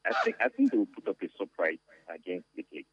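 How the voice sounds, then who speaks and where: A man, calling in to a sports radio show through a very deep, pitched-down modulated voice. He gives short, friendly replies and repeats his point. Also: huge pitch swings, fast talker. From Nigeria. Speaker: caller. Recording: dull, lo-fi phone line.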